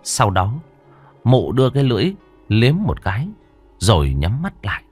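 A man's voice: lowish voice, wildly swooping pitch, normal speed, a little mellow, breathy edge, faint music behind. A man narrating a first-person horror story for an audiobook, drawing out the eerie passages with dramatic delivery.

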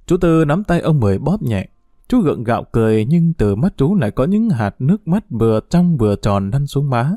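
A man's voice: medium pitch, brisk, dry recording, studio quality. A man narrating a story aloud, slipping into the characters' dialogue as he reads. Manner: lively storytelling, voicing characters' lines. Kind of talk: audiobook narration.

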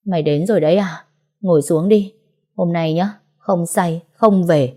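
A woman voicing a brash, heartbroken young woman who speaks loudly and bluntly in speech, as an audiobook character. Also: on the low side, a little slow. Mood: emotional. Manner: loud, blunt, emotional.

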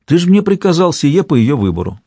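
A man's voice: fairly high pitch, big pitch swings, brisk, warm tone, husky, dry recording, voice pushed up, full character voice. Brief: anxious, pleading court treasurer, as a male reader puts him on, archaic speech, dry recording. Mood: earnest. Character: frightened boyar treasurer, fearful, pleading.

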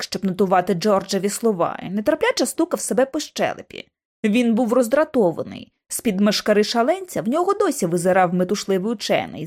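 A woman narrating an audiobook in a scripted, expressive reading. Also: medium pitch. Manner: expressive reading that voices each character.

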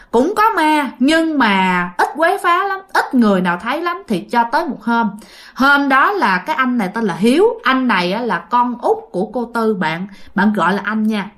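A woman with a Southern Vietnamese accent tells a ghost story in a loose, chatty voice. Her pitch sits a little high. She fills her sentences with small fillers and keeps speaking to her listeners. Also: a bit bright. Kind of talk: casual ghost story narration.

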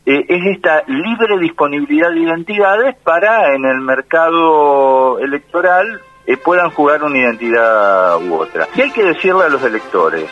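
A man's voice: on the high side, lively intonation, moderate pace, muffled recording, soft background music. A sociologist with an Argentine Spanish accent explaining politics in an interview, acting out examples as he goes. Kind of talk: interview answers.

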